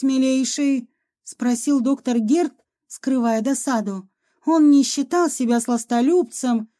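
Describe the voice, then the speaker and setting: A woman reads a story aloud in a lively, expressive way. Her voice is mellow and warm, pitched a little high. It sounds like an audiobook narration.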